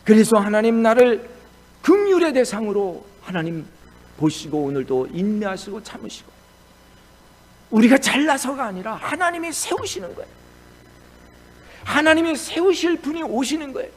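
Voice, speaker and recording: A man preaching a sermon as the pastor, telling the story in an animated way. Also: extremely high pitch, moderate pace, pauses often.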